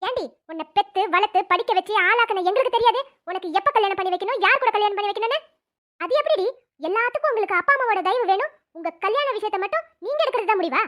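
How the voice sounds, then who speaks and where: A woman's voice: very high-pitched, quick pace, a bit bright. A woman voicing a wailing, furious cartoon mother. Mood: wailing angry. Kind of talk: cartoon voice acting.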